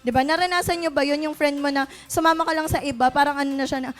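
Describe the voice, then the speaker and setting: High-voiced young woman giving a chatty youth talk. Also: steady tone, quick pace, faint music behind. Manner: chatty, many fillers, frequent "di ba?" asides, laughs often. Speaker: youth conference speaker. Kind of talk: casual Taglish church talk to youth.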